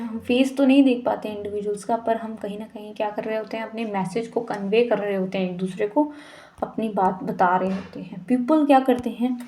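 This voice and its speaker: Mellow-voiced Indian woman teaching a lesson. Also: on the high side. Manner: repeats rhetorical questions, mixes English terms. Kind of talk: casual explanatory lecture.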